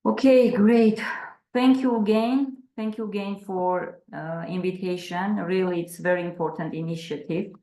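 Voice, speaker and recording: Brief: Armenian woman, 50s, doctor on a webinar, earnest and halting, echoey room. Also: mid-range voice, fairly even intonation, dark tone. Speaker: medical doctor, panelist. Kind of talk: webinar introduction and presentation. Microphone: video call. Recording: roomy echo on a video call.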